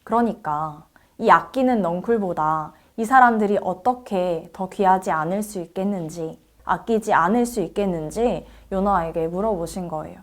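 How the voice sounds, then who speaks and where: A woman's voice: on the low side, moderate pace. A woman preacher telling a Bible story to children in a church service, asking them questions and acting out the characters' lines. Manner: asks the children questions, acts out quoted lines.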